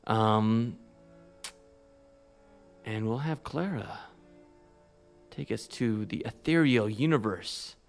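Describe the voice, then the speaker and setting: Slow, gravelly-voiced male radio host. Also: on the low side, soft background music. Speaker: radio music show host. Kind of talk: casual radio DJ patter between songs.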